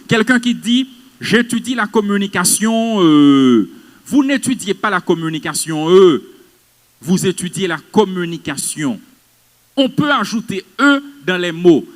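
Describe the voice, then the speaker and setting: A man lectures a class on speaking in public. His voice sits high and moves around a lot, stressing each point and turning to the audience with questions. A long reverb from a large hall follows every phrase. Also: fairly bright tone.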